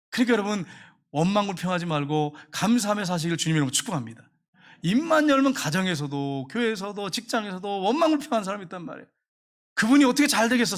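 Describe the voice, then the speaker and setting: Male pastor, high voice, rapid emphatic sermon delivery with repeated phrases.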